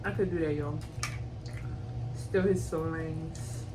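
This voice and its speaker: A woman's voice: low-pitched, steady tone, slow pace. A woman chatting casually and informally in a playful, teasing way as she hosts a question game. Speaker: host of a couple's mukbang question game. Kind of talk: casual chat. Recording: distant mic, clearly noisy background.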